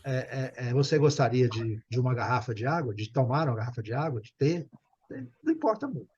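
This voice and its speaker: Um professor de inglês brasileiro dando aula online, paciente, repetindo e conferindo se o aluno entendeu. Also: male voice, medium pitch, big pitch swings, fairly quick, a little mellow, husky, highs cut off. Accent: Brazilian Portuguese. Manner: patient, repeats and checks understanding. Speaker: English teacher. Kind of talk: online English class.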